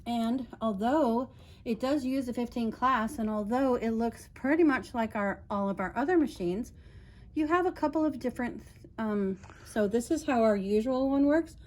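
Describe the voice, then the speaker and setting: A woman's voice: on the high side, normal speed, a little mellow. A woman casually demonstrating a sewing machine step by step, chatty and laughing often as she explains.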